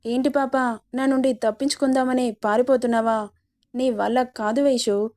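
A woman's voice: fairly high pitch, steady tone, moderate pace, mellow, lightly acted. A woman voicing an arrogant, domineering rich young man who owns a college, teasing and bossy in a story reading.

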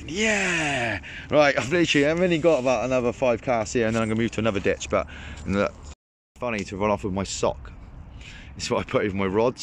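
An excitable young man rambles about his catch in a casual vlog, speaking to a camera set on the bank beside an outdoor ditch. His voice sits at an ordinary middle pitch, with a faint hiss of open-air noise behind him. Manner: excitable, rambling, lots of fillers. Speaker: angling vlogger.

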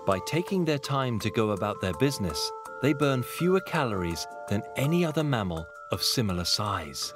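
A man's voice: mid-range voice, very animated, moderate pace, hardly any pauses. A man delivering scripted narration for a nature documentary. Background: music.

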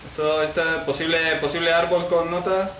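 A man from commenting casually on a horror game, excitable, swearing and yelling at it. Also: a little high, moderate pace, reverberant, distant mic, a little hiss or hum. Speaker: gameplay commentator.

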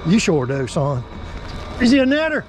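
Older man, fishing vlog host, folksy and excitable, high animated voice, outdoor camera mic. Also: normal speed, noisy background. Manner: folksy, laughing, drawling exclamations. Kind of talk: casual outdoor fishing chat. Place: small boat on a river, outdoors.

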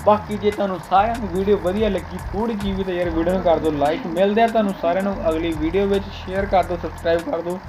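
A man's voice: high voice, steady tone, racing, few pauses. A young adult man records a casual gameplay voice-over. He banters along, tossing out exclamations and saying short phrases several times over. Music plays behind him. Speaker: gaming video creator.

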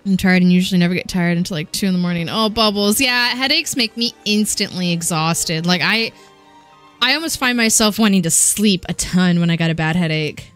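A woman's voice: on the low side, fairly quick, fairly bright tone. A young woman talks through a video game stream in a loose, chatty way, breaking into giggles and reading in-game dialogue aloud as she plays. Faint game music runs underneath her voice. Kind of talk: casual gaming commentary, reading dialogue aloud.

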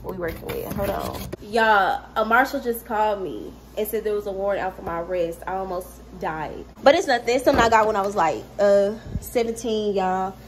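A young woman vlogger chats casually to her viewers, calling them "y'all", while she cleans her home kitchen, filming on a hand-held phone camera. She talks a little fast with hardly any pauses, at medium pitch with lively intonation, over a faint hiss or hum.

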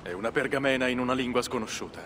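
A man's voice: medium pitch, rapid-fire, lightly acted. A man playing a composed Viking warrior on a search in a video game dub. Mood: focused, pensive. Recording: clear background noise from game ambience.

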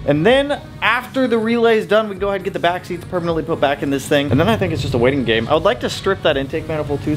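A man casually narrating his car build, chatty and relaxed, with slangy shop talk and frequent "uh"s, working in a garage. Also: a little high.

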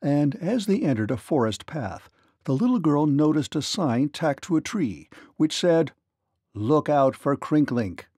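Expressive male storyteller, dry close sound. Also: fairly high pitch, measured pace, husky, no room sound. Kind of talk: children's read-along story narration.

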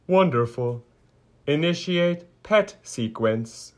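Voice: medium pitch, lively intonation, takes it slowly. A voice actor playing a polite, lonely stowaway robot in a cartoon, talking in a stiff, formal robot voice. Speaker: robot character. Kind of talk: cartoon voice acting.

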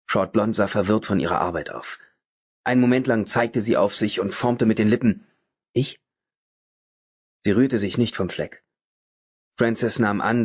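Husky male audiobook narrator. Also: fairly low pitch. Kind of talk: scripted narration.

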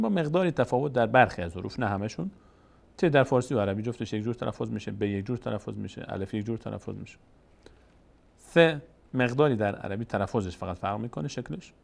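A man teaching a beginner's lesson on reading letters, slow and patient, explaining step by step. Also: medium pitch, gravelly.

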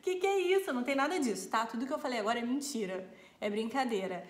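With a fairly high-pitched voice and a quick pace, a young woman who is both a bride and a vlogger talks casually to her audience. She's animated and giggly, breaking into laughter often.

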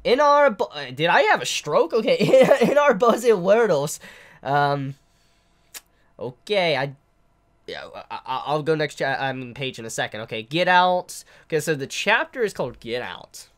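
A young man in his twenties, stuffed up with the flu, discusses a manga chapter on camera from his living room couch area indoors. His fairly high, bright voice is very animated yet measured in pace as he rambles and stammers through invented words.

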